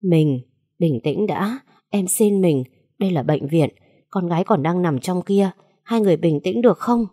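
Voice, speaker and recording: A woman voicing a middle-aged mother who pleads for calm in a told story. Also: on the low side, moderate pace, breathy edge. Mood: pleading. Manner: soothing, pleading.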